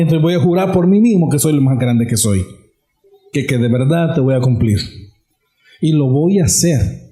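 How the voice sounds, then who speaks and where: A man's voice: a little high, warm tone, reverberant. A male pastor preaching a sermon, emphatic and repetitive, addressing the congregation directly.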